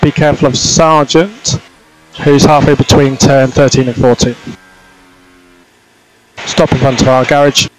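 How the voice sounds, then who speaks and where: A man's voice: mid-range voice, fairly even intonation, a little slow, long pauses, soft background music. A man working as a race engineer, giving terse, procedural race spotter callouts on traffic over team radio. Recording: noisy car-to-pit radio transmission.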